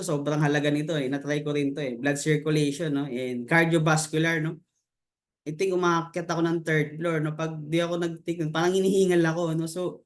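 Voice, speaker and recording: A man giving a casual sales presentation, mixing English terms into his talk and tacking questions onto his sentences. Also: fairly high pitch. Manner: peppers talk with tag questions, mixes English terms into Tagalog; loose, halting delivery with restarts and fillers. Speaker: business opportunity presenter.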